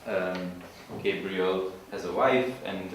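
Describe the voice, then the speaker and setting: Low-voiced man, echoey and distant. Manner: explanatory, halting, searching for words. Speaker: student presenter. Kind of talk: informal literature presentation. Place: large room at an evening school event. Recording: echoey hall from far off, faint noise.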